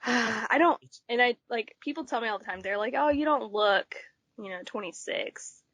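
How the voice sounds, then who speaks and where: 20s texas girl guesting on a podcast, storytelling, like like like, kinda high voice, dry sound. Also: moderate pace, dry recording. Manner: animated storyteller, says "like" a lot. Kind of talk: casual chat.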